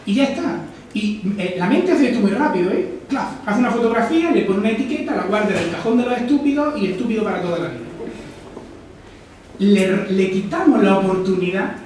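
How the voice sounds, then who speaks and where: A man's voice: high voice, lively intonation, fairly quick, a little mellow, slight background noise. A man from Almería, giving a reflective live talk and often asking the audience questions. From Almería, Spain. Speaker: lecturer. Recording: echoey hall, distant mic.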